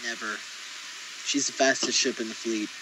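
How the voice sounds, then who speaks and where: A man's voice: medium pitch, steady tone, normal speed. A man co-hosting a casual show, teasing his partner and chatting easily about a film trailer. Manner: easygoing, teasing, soft-spoken asides. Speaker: podcast co-host. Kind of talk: casual chat over a trailer. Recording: noisy home recording with hiss.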